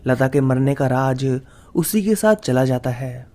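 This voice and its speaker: A man's voice: mid-range voice, expressive, measured pace, warm tone. A man narrating a horror story in a suspenseful, dramatic storytelling manner.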